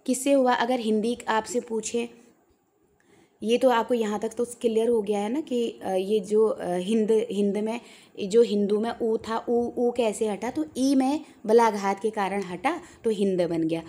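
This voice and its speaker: Female teacher, warm and mellow tone, patient exam-prep lecturer who repeats points and checks understanding. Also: a little high, measured pace.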